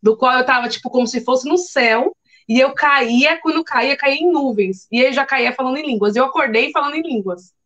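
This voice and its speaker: A woman telling a lively faith testimony in casual chat, acting out her own past words. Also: sits high, a little fast, dull audio. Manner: animated storyteller, acts out her own past lines. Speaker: guest giving testimony.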